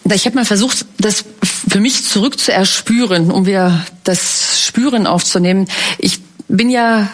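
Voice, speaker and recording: A woman's voice: mid-range voice, normal speed. A middle-aged woman from East Germany, a panel guest reflectively recounting childhood memories before an audience.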